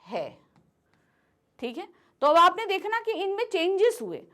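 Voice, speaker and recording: A woman's voice: very high voice, huge pitch swings, a little slow, sharp tone. A woman teaching a grammar lesson. She asks questions and answers them herself, and she checks in often to make sure her students follow.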